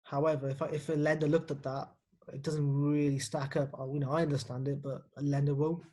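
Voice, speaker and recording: Husky, somewhat high-voiced broker guy, explains lending matter-of-factly in a live Q&A. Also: little pitch movement, warm tone. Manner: explanatory, matter-of-fact, quick. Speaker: mortgage broker guest. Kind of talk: casual live Q&A chat.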